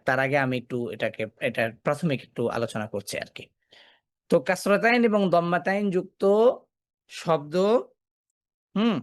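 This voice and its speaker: A man with a fairly high voice leads a Quran recitation class, recorded without any room sound. He quizzes his students, supplies the answers himself, and goes back over the key points.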